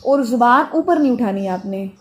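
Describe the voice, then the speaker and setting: Patient woman tajweed teacher, higher voice. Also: animated, slight background noise. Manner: patient, explains with homely examples, drills sounds slowly; stretches model sounds slowly for students to copy. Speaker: Quran recitation teacher. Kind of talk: online tajweed lesson.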